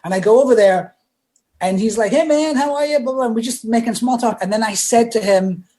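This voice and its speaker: Animated storytelling man, podcast guest. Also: sits high, a little fast. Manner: animated, acts out quoted voices, many "like" fillers. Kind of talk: casual storytelling chat.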